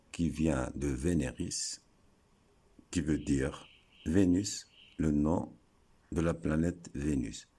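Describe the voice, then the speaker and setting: A man giving a slow, deliberate lesson, breaking words into syllables and pausing often. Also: a bass voice, dark tone, husky. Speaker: teacher explaining word origins.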